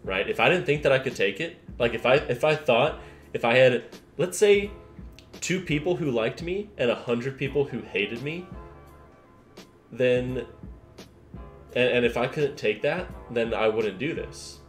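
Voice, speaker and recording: A man's voice: mid-range voice, lively intonation, a little slow, roomy sound, soft background music. A man hosting a casual reaction commentary, blunt and rambling, swearing freely as he talks it through. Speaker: commentary host.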